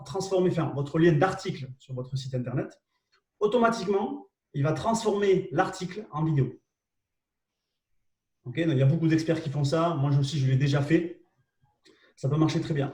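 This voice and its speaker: French male webinar host, mellow tone, explanatory, distant mic. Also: fairly high pitch, reverberant. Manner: explanatory, checks in with "d'accord?" and "ok?". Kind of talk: live webinar presentation.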